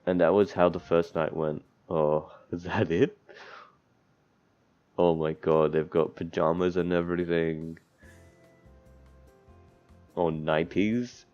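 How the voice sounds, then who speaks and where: A man with a low, gravelly, slightly mellow voice narrates a visual novel's text as a let's player. He stumbles over words and wanders into offhand comments, and the dull lo-fi recording carries game music underneath.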